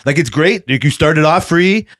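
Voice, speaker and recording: A man's voice: fairly high pitch, normal speed, a bit bright. A man co-hosting a podcast in casual chat, joking and rambling, swearing often. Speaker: podcast co-host.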